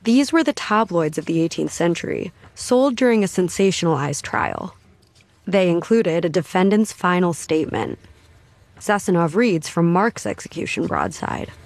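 A woman reporter narrating a radio feature story in a steady, measured way. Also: on the low side, no room sound.

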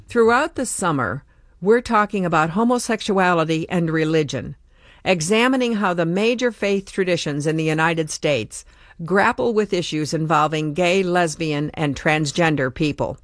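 A woman producer giving measured, scripted narration for a public radio feature. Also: on the low side, dry recording, studio quality.

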